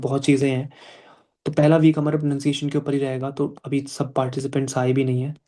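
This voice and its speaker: Man teaching pronunciation, low-key. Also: dark tone. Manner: patient, repeats words slowly to demonstrate sounds. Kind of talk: live online class, mixing Hindi and English.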